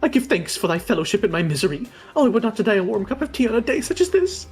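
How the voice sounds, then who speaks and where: A reader voicing an excitable sheep girl who speaks in old-fashioned thee-and-thou phrasing. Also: on the high side, rapid-fire, husky, soft background music, voice pushed up, full character voice. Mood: shivering plaintive.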